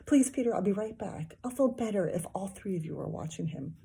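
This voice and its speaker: A woman voicing an anxious, gentle mother who speaks hesitantly and coaxingly. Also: mid-range voice, animated, brisk, creaky, husky, heavily acted.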